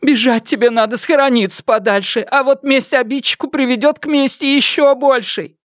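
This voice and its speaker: A man's voice: very high voice, normal speed, fairly bright tone, no echo, clean studio sound, voice pushed up. A man voicing a fretful elderly grandmother who urges and scolds in a raised, anxious voice. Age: older.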